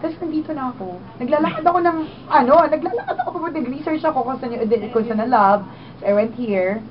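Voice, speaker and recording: This woman's voice sits high and moves fairly quickly. In her twenties with a Filipino accent, she's a radio DJ guest telling her story in an animated interview that blends Tagalog and English, captured on dull lo-fi audio with clear noise.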